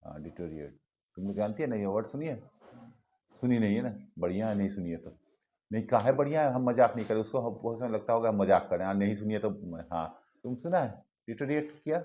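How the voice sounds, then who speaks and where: A man's voice: fairly low pitch, lively intonation, quick pace, mellow. A male physics teacher, lecturing a class in a chatty way, repeating words and asking students questions.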